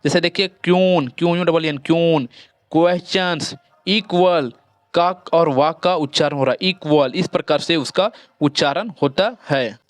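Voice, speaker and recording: Hindi-accented man teaching English phonics slowly. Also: a little high, no echo. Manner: repeats words slowly, drawing out sounds. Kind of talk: phonics lesson.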